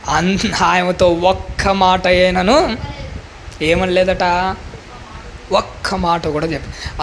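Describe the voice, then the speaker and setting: A man's voice: high-pitched, a bit bright, slight background noise. A male preacher giving a sermon in a fervent, pleading manner, full of rhetorical questions.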